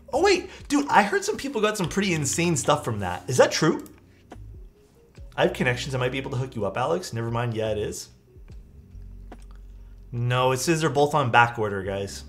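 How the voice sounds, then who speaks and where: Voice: medium pitch, fairly bright tone. A live streamer chatting casually with viewers, thanking them and using slangy, mildly sweary talk full of dude and bro.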